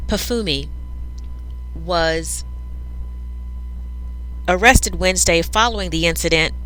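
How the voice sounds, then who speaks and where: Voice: medium pitch, bright, forceful tone, slight background noise, rough recording. A news reader dictating a script aloud, speaking each punctuation mark and paragraph break between the sentences.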